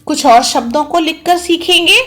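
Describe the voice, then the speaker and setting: A woman teacher giving an online lesson to young schoolchildren, spelling out each sound slowly and repeating words patiently. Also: extremely high pitch, fairly bright tone. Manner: slow, careful, spelling out each sound and syllable.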